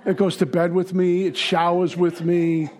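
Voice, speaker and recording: A man from Brooklyn with a Brooklyn accent, giving a blunt, halting personal testimony at a recovery meeting. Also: high voice, little pitch movement, a little mellow. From Brooklyn, New York. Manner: blunt, halting, with many fillers.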